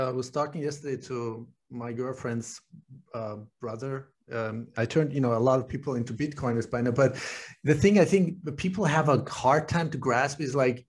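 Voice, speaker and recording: A man's voice: medium pitch, darkish tone. Chatty man in his forties, hosting. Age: 40s. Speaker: podcast host. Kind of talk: casual video-call interview. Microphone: desk microphone on video call.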